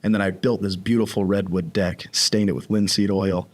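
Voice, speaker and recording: A man guest on a podcast, telling his recovery story in a casual, animated way, often acting out what people said. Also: low-pitched, normal speed. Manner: animated, acts out quoted voices.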